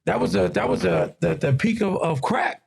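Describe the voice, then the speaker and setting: Podcast guest, a New Yorker in his fifties, gravelly and slightly high-pitched, who acts out every quote. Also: normal speed. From raised in New York. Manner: relaxed storyteller who acts out quotes in a higher voice. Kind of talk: casual podcast chat.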